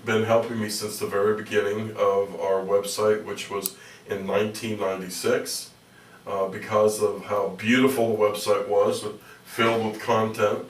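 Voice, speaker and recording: A middle-aged American man telling stories as a radio interview guest, rambling and halting with dry humor. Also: on the low side, little pitch movement. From Pittsburgh, United States. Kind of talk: conversational radio interview storytelling. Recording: echoey room, distant from mic.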